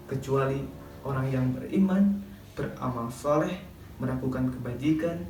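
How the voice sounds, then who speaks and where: A man's voice: mid-range voice, darkish tone. A man speaking as an Islamic preacher, giving didactic, sermon-like advice and addressing listeners as friends. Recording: echoey room, distant mic, faint noise.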